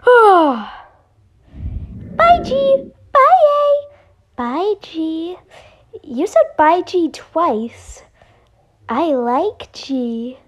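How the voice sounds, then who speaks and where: Woman, very high voice, slow unhurried delivery, silly character voices, playful cartoon fan dub. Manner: hops between many silly character voices. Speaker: fan dubber voicing every character.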